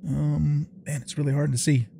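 A man's voice: on the high side, little pitch movement, normal speed, creaky, warm tone, a little hiss or hum. An older man hosting a let's play, chatting casually and thinking aloud with lots of fillers as he plays. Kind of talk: casual gameplay commentary.

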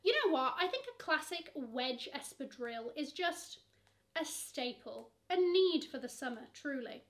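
In a sing-song, slightly bright voice that sits high, a young English fashion vlogger talks at a measured pace. She sits at her camera in a bedroom with shelves of shoes, gushing with sass about luxury online shopping and calling each bag "she."

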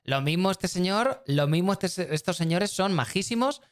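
A man's voice: high voice, animated, moderate pace. A man streaming, chatting casually and rambling, often repeating himself and talking straight to his chat. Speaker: streamer reacting to videos.

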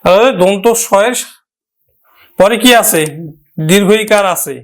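A man with a Bangladeshi Bengali accent teaching a grammar lesson, addressing his students directly and slowly repeating each example word. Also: high-pitched. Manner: slow, drawn-out repetition of example words.

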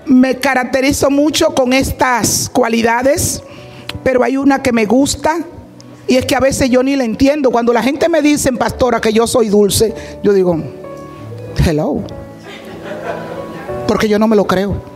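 A woman preaching an impassioned Pentecostal sermon, rising into shouted declarations and breaking into tongues. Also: sits high, a little slow, pauses often, soft background music.

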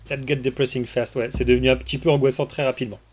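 Over faint background music, a man streams a game and casually reads its dialogue out loud, adding amused asides in let's-play style. He speaks a little fast with a medium pitch and flat delivery, and his basic microphone picks up a little hiss or hum.

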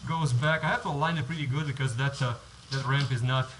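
A vlogger with a mid-range voice talks fast over background noise, filming himself with a head-mounted action camera on a home driveway beside a garage. In this casual how-to vlog he rambles, restarts his sentences, and walks through the steps one at a time.

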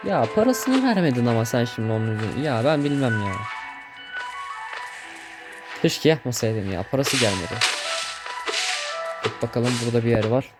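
A man's voice: medium pitch, expressive, fairly quick. Chatty young man commenting on a game. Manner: chatty, easily startled, swears and jokes at the game. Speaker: gameplay streamer. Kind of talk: casual gameplay commentary. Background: game music.

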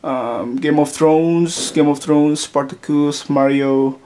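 A man giving a casual narrated tour of his indoor collection room, talking haltingly with many fillers and restarts into a handheld camera mic. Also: fairly high pitch, steady tone, mellow, clean tone.

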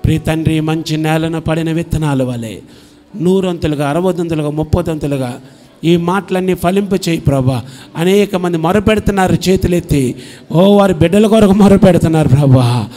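Telugu-speaking pastor, fervent and pleading. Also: male voice, a little high, moderate pace, faint music behind. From India. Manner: swings from soft murmured appeals to loud impassioned crying out. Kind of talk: sermon with altar call and prayer. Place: church sanctuary.

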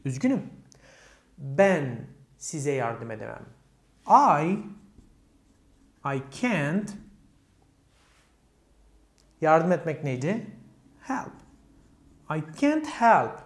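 A man's voice: a little high, big pitch swings, very slow, long pauses. Turkish-accented man teaching in an echoey room. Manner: asks questions and answers them himself. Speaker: English teacher. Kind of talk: explaining grammar step by step.

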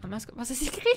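Bright-voiced woman doing chatty let's play commentary over faint game music. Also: medium pitch. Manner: chatty, reads dialogue aloud and comments, swears casually. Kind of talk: casual gameplay commentary.

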